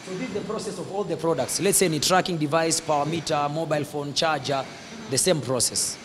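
A man's voice: a little high, brisk, background noise. A man in his forties with a Kenyan accent, showing visitors around an electronics factory and explaining the machines in a casual mix of Swahili and English. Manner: mixes Swahili and English, points and gestures while explaining. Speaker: factory guide. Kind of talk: casual guided tour explanation. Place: large indoor electronics factory floor. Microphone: handheld mic held by interviewer.

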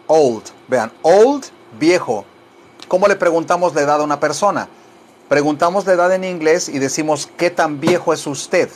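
A man teaching English in a casual lesson, drawing out model phrases slowly for students to repeat and breaking into playful asides. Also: a little high, a little hiss or hum. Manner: playful asides, mock radio-DJ patter and sung snatches.

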